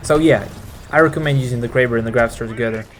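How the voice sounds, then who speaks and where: A man's voice: medium pitch, fast, a little hiss or hum. A man hosting a gaming video, narrating a scripted guide with informal asides.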